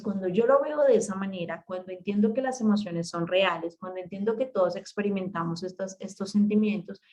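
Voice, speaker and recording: A woman, a parenting educator giving a talk to parents in an emphatic, animated way, speaking directly to her listeners. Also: mid-range voice.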